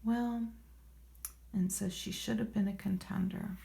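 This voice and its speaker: Soft-voiced, creaky, hushed ASMR woman. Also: medium pitch, fairly even intonation, slight background noise. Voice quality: soft, hushed voice, often whispered. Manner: unhurried, murmuring, rambling asides to herself. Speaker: ASMR host. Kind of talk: soft-spoken ASMR magazine read-through with casual commentary.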